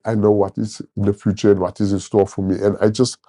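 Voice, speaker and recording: A man in his thirties giving a personal testimony in an interview, animated and acting out the people he quotes. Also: lowish voice, quick pace. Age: 30s. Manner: animated storyteller, acts out quoted voices. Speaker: church member sharing testimony.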